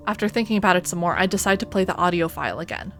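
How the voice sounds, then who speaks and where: A woman streaming a video game reads out the story text and comments on it expressively and theatrically, in a lowish voice at a rapid-fire pace, with music playing in the background.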